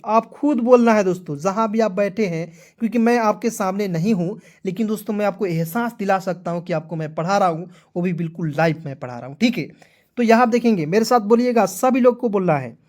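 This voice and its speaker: A man teaching English pronunciation as a lesson in Hindi, spelling out letters, repeating each word and asking his viewers if it is clear. He says he is sweating in the heat. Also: high-pitched. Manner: repetitive, spells letters out and drills, asks "clear?". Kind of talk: Hindi-language phonics lesson.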